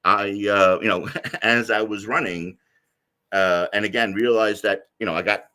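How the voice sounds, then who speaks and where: Deep-voiced man rambling through a story. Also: steady tone, normal speed, pushed and bright. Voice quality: deep low voice. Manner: rambling, many fillers and restarts. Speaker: interview guest. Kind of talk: personal story in an interview.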